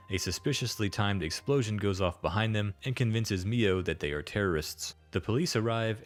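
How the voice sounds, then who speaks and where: A man narrating a scripted video-game retrospective, with dry, sardonic asides. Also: low voice.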